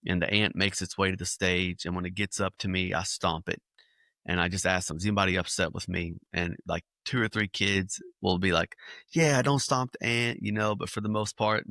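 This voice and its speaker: A man, a children's ministry speaker, telling lively illustrative stories in a podcast interview. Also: low voice, normal speed, no echo, clean studio sound. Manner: animated storyteller acting out scenes.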